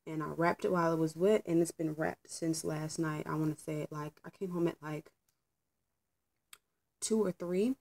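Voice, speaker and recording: A woman's voice: fairly low pitch, warm tone, low-quality recording. A young adult woman casually telling a story about work while getting ready at home, candid and chatty with frequent ums. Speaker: vlogger. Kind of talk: casual storytime while doing her hair.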